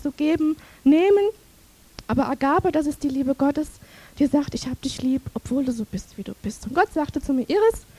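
A woman preaching a sermon in church, telling personal stories and leading prayer in a lively way. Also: high voice, no echo.

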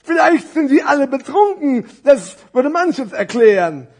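A man voicing a thick, slow-witted scarf gift in a storybook tale, asking naive questions and mixing up words. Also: very high-pitched, sing-song, darkish tone, pitched above the performer's own voice, heavily acted. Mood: puzzled.

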